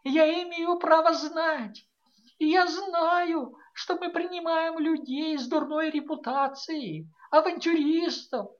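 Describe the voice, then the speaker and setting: A woman's voice: very high-pitched, takes it slowly, highs cut off, pitched above the performer's own voice. A woman reading an audiobook voices a tearful, pleading young daughter who speaks with theatrical pathos. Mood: insistent.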